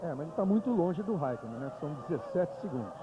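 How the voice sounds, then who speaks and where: Race analyst, Brazilian man, slightly raised pitch, explanatory delivery, noisy live broadcast with cars droning. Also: big pitch swings, fast talker. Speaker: motorsport analyst. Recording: noisy broadcast with engine drone. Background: race car engines and trackside ambience.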